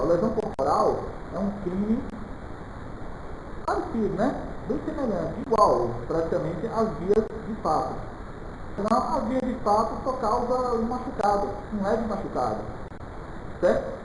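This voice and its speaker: A man from Salvador, Brazil, with a high voice, teaches criminal law to public exam candidates in an informal live lecture. He is didactic, regularly checks in with his listeners, and mixes in colloquial asides, while the very echoey room carries clear background noise.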